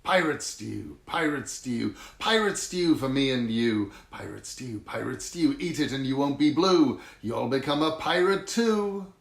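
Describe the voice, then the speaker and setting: Guy doing rowdy storybook pirates, bouncy loud chant, creaky voice. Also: mid-range voice, lively intonation, measured pace, hardly any pauses. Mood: joyful. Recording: roomy, echoing sound.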